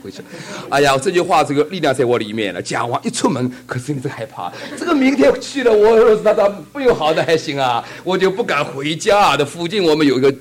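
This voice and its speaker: A man's voice: on the high side, very animated, quick pace, few pauses. A man preaching a fervent sermon and telling a testimony, asking the congregation rhetorical questions.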